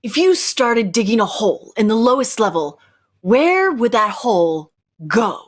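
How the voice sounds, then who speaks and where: A woman playing a knowing, imperious rebel captor who speaks deliberately and probingly in a radio sci-fi drama. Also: on the high side, very animated. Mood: insistent. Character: commanding, knowing rebel captor challenging orthodox belief. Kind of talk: cold-read old-time radio sci-fi drama.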